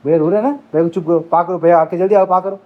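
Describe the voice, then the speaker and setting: A woman's voice: lowish voice, fairly even intonation, very fast, dull audio. A woman at home talking to her young children, coaxing and scolding them in repetitive, speech. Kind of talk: casual family home video.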